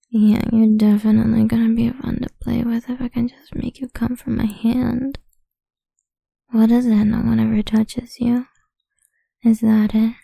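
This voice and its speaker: A woman in a whispered audio roleplay, talking close to the mic in a taunting, domineering way, with soft laughs and sighs between lines. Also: fairly high pitch, gravelly, breathy edge, no room sound.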